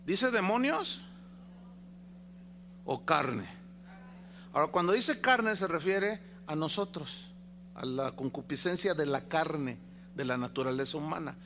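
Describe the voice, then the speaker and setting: Man, pastor, Mexican accent, sermon, emphatic, rhetorical questions, bright forceful tone, high pitch. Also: lively intonation, a little slow, pauses often, a little hiss or hum. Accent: Mexican Spanish.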